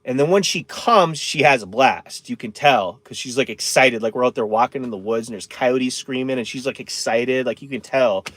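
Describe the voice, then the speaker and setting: A man's voice: medium pitch, normal speed, hardly any pauses, a bit bright, no room sound. A man in his thirties chatting casually on a live stream from inside his camper van, rambling and answering viewer comments.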